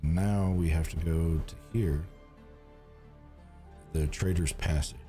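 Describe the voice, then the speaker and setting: Faint music plays behind a man with a deep, warm voice who talks slowly with fairly even intonation. He's streaming a game and chatting casually to viewers, recovering from a cold and rambling through lots of fillers and false starts.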